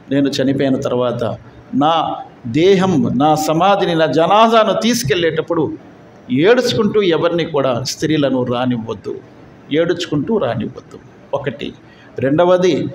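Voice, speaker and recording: A male preacher with a fairly high voice delivers a sermon, bringing stories to life and acting out the speakers he quotes. The sound is roomy with a faint hum of ambience behind it. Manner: animated storytelling, acts out quoted speech with sharp swings of loudness. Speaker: Islamic preacher.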